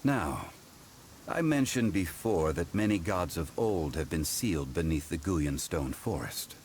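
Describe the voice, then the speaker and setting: Zhongli, a deep, solemn ancient god. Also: male voice, expressive, darkish tone, slight background noise. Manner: measured, formal and unhurried. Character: ancient god in human form, calm, dignified, scholarly man. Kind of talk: game cutscene voice acting. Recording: game music under the voice.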